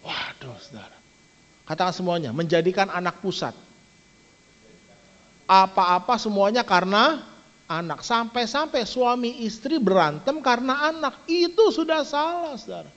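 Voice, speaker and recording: High-voiced preaching man, lo-fi. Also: moderate pace. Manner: lively preaching, often adds "saudara". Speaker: pastor. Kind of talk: sermon. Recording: dull lo-fi church stream.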